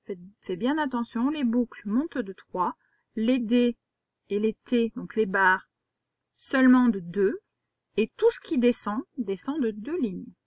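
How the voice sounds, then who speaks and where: A woman's voice: a little high, lively intonation, a little slow, dry recording, studio quality. A woman, a primary school teacher giving a patient, step-by-step handwriting lesson to a young child.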